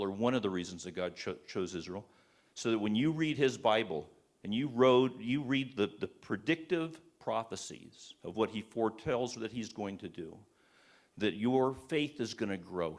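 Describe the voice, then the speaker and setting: A man giving an impassioned, sermon-style talk to a live audience, firing rhetorical questions and restarting his sentences often. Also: lowish voice. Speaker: speaker at a church event.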